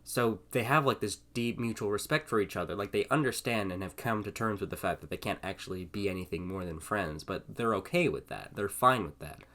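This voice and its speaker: Rambling young man, low voice. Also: fairly quick, hardly any pauses, fairly bright tone. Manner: rambling, exasperated, filler-heavy. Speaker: video host reading fanfiction. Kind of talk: comedic reading and commentary.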